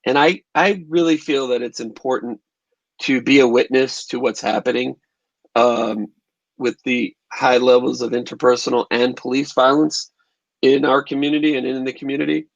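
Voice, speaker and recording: Male filmmaker guest, gravelly, dry, thoughtful conversational delivery. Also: mid-range voice, steady tone, normal speed, dry recording, lo-fi sound. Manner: thoughtful, restarts phrases while recalling events. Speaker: documentary filmmaker and photographer. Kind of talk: conversational interview answers.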